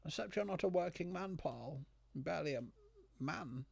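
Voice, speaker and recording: A British man co-commentating on a game in casual banter, sardonic and deadpan. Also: on the high side, moderate pace, vocal fry, breathy edge, dry recording. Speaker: gaming co-commentator. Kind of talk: dry casual banter over gameplay.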